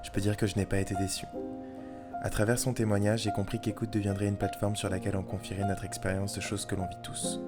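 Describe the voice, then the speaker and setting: A man narrating a scripted introduction as the channel's creator, brisk and earnest. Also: lowish voice, level tone. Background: loud background music.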